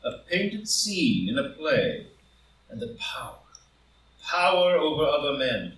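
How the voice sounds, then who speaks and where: A man with a slightly high voice reads the part of a proud, ambitious rich gentleman guarding a guilty secret. He speaks emphatically and grandiloquently, with passion, at a live group play reading indoors, recorded roomily and at a distance from the microphone.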